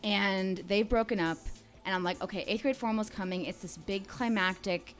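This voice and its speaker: A woman's voice: medium pitch, normal speed, soft background music. A woman in her thirties telling a story on a casual livestream, acting out the quoted dialogue. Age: 30s. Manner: animated, acts out quoted dialogue. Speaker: streamer's girlfriend, guest.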